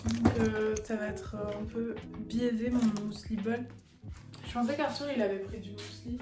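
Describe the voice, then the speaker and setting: A woman's voice: fairly high pitch, fairly even intonation, normal speed. Chatty young woman vlogging over music. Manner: chatty, filler-heavy, upbeat. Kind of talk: casual vlog chat. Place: home rooms, indoors. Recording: loud background music.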